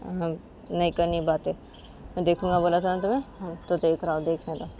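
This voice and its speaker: A woman's voice: lowish voice, little pitch movement, brisk, dark tone, a little hiss or hum, lightly acted. A woman voicing a teasing, stubborn young lover in an amateur story where she does all the voices.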